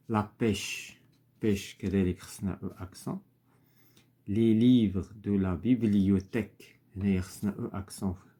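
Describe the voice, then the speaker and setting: A man with a Moroccan accent teaches a lesson at a steady, patient pace, going through each point one at a time. His voice sits fairly low, with a dark, husky tone. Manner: patient, explains step by step with frequent fillers. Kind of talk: lesson explaining worksheet answers.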